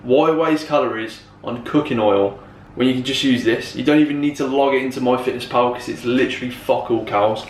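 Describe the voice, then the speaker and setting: A British man chats straight to his viewers in a relaxed vlog, mid-pitched and ordinary in tone. He is blunt and jokey, swearing freely as he gives fitness tips. Much of it is recorded indoors at a gym. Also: a little fast, a little hiss or hum. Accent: British English. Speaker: vlogger and personal trainer. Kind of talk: casual vlog chat.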